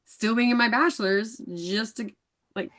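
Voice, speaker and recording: A woman's voice: fairly high pitch, moderate pace. A woman as an interview guest, telling a story in casual chat and acting out the other people's lines. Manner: animated storyteller acting out dialogue.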